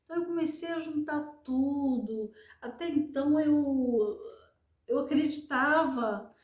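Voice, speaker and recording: A Brazilian woman giving an earnest personal testimony, retelling events in a halting, repetitive way. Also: sits high, reverberant, lo-fi sound. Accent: Brazilian Portuguese. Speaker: survivor telling her story.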